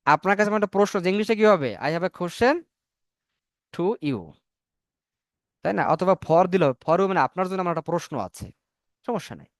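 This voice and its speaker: A man's voice: high voice, fast, dry recording, studio quality. A man teaching a spoken English class on a video call, explaining in Bengali, asking and answering his own questions and spelling words out letter by letter. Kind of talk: online class lecture. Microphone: computer mic on a video call.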